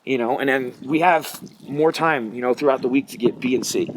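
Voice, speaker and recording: A man's voice: mid-range voice, brisk. An American man in his forties talking casually and emphatically as a coach answering interview questions, in colloquial phrasing. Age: 40s. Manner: colloquial, emphatic, peppered with "you know". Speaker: jiu-jitsu coach and competitor. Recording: noisy recording with clicks.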